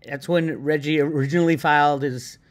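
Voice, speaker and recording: A man hosting his own online video channel, ranting in a casual, animated way with lots of restarts and indignant asides. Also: on the high side, a little fast. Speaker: crypto video host. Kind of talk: casual commentary to viewers.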